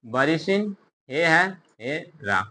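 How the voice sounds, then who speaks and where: A man's voice: a little high, very animated, slow pace, sharp tone. A man teaching an online language lesson, spelling words out letter by letter and quizzing the viewer before answering his own questions. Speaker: Urdu teacher.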